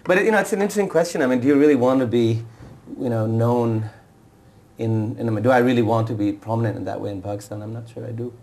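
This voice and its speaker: Speaking at medium pitch with a slightly mellow quality, a man appears as an author guest in a TV interview conversation. Urdu and Punjabi are his first languages, and his delivery is fast, hesitant and full of restarts.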